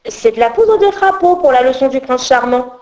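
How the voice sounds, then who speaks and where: A woman's voice: high-pitched, expressive, moderate pace, a little mellow, voice pushed up. A woman voicing a little scatterbrained fairy girl who chatters and mutters to herself in a storybook reading. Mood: bewildered.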